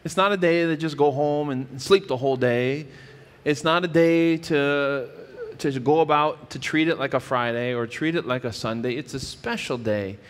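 A man in his thirties preaching a sermon from a church stage, explaining scripture earnestly and often restarting his phrases. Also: a little high. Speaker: pastor. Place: church stage with wood-paneled wall. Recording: church hall reverb.

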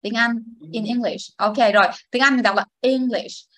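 A woman's voice: a little high, steady tone, normal speed, sharp tone, no echo. A woman teaching a classroom pronunciation lesson, patiently explaining and modelling words for students to repeat. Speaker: English teacher.

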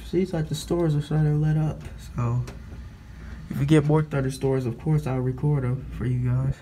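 His voice sits on the higher side, mellow, with fairly even intonation and normal speed, over a little hiss or hum. The young US vlogger films a thunderstorm from indoors at his window, commenting casually in a blunt, profane way that moves from scolding to muttering.

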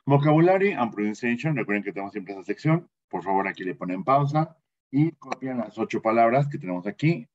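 A man with a Mexican Spanish accent leads an English lesson, switching between Spanish and English and repeating words slowly and patiently. His voice sits at a medium pitch. The audio has a slightly dull, muffled quality. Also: lively intonation, darkish tone. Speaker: English teacher. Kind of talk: bilingual classroom lesson.

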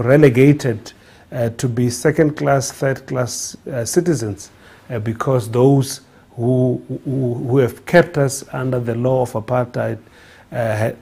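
Speaking in a studio in front of a printed backdrop, a South African man in his forties gives an earnest, personal guest talk in his South African accent. His medium-pitched voice is gravelly, husky and warm. He fills his speech with fillers and frequently starts over.

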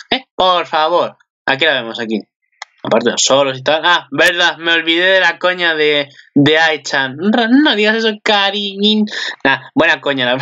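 A man rambles through casual commentary, crude and joking, with many fillers. His voice sits a little high and sounds bright and tense. The recording is dull and lo-fi. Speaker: channel host. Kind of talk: casual commentary on an anime preview.

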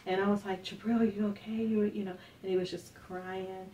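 A middle-aged woman from Northern Kentucky telling a personal story in an interview, soft-spoken, with many fillers, acting out the voices of the people she quotes. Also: mid-range voice, level tone, normal speed. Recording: distant mic with faint background hiss.

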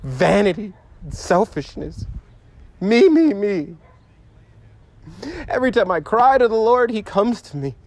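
A man preaching an emotional testimony sermon, pleading, going from hushed to rising. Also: high-pitched, expressive, normal speed, no room sound. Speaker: pastor.

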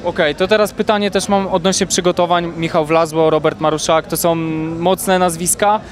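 A man's voice: a little high, steady tone, normal speed. A young man, a reporter, asking long rambling questions with fillers in a post-fight interview, outdoors on a handheld mic. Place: outdoors at an event press wall.

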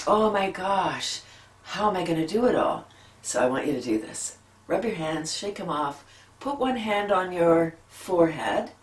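A middle-aged woman leading a gentle relaxation lesson at home, talking softly and sighing out long breaths between exercises. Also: on the low side, recorded from a distance. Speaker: laughter yoga leader. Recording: echoey room, a bit off-mic, faint background hum.

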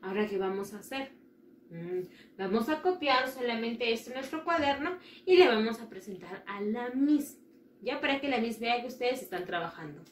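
A woman teaching children English vocabulary, repeating each word slowly for them to copy. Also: fairly high pitch, expressive, recorded from a distance, slight background noise. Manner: drills words slowly with repeated pronunciation. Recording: roomy echo with faint ambience.

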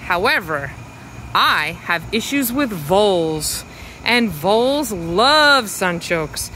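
A woman with a bright, crisp voice talks slowly and fondly as she walks her garden, naming plants one by one. She films herself from behind a handheld phone outdoors, and faint traffic hums in the background. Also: mid-range voice, sing-song, rough recording. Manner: unhurried, explanatory, fond of her plants. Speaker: home gardener giving a garden tour. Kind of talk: casual walking garden tour. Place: outdoors in a suburban yard garden. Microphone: handheld phone camera, speaker behind it.

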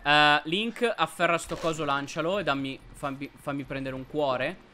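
A man hosting a let's play, commenting on gameplay and yelping excitedly at enemies. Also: fairly high pitch, normal speed, slight background noise. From Italy. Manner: excitable, yelps and shouts at enemies.

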